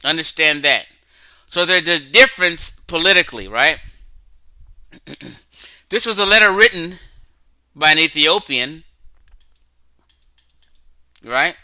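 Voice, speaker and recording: A man's voice: fairly high pitch, lively intonation, slow pace, pauses often, bright, forceful tone, no echo, low-quality recording. A man hosting a casual livestream, lecturing emphatically and checking in with his audience, often reading text aloud from his screen. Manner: emphatic, lecturing, frequent "okay?" and "right?". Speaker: online talk show host.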